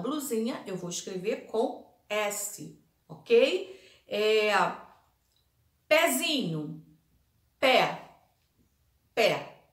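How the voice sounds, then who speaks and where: A woman teacher giving a recorded lesson, explaining slowly, repeating words and answering her own questions. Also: mid-range voice. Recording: echoey room.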